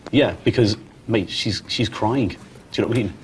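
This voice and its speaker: A man's voice: fairly low pitch, moderate pace, slight background noise. A man chatting in a blunt, coarse, exasperated way. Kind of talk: casual chat.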